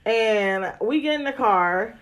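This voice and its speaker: A woman co-hosting a casual podcast, telling a story in an animated, profane way and acting out quotes. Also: on the high side, takes it slowly. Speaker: podcast co-host.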